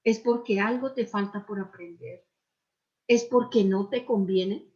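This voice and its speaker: A woman's voice: mid-range voice, unhurried, a little mellow. An older woman pastor, preaching in a conversational sermon with personal stories and rhetorical questions. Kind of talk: sermon dialogue. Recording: muffled lo-fi sound.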